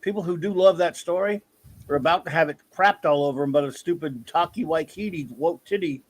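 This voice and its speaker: Man, somewhat high voice, blunt, grumbling, opinionated. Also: a little fast, no room sound. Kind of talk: casual chat.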